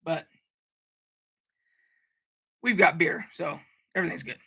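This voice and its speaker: A woman's voice: low-pitched, takes it slowly, creaky, sharp tone, breathy edge. A woman hosting a casual live stream, ranting animatedly, swearing freely and reading out viewer comments. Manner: reads out viewer chat comments.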